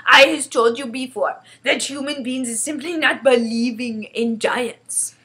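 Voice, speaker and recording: Woman voicing a loud, stubborn storybook giant. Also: fairly high pitch, a little slow, pitched above the performer's own voice. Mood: dismissive. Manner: muddled grammar, firm and emphatic. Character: big kindly male giant, stubborn, gloomy, mangled grammar. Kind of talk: storybook character voice.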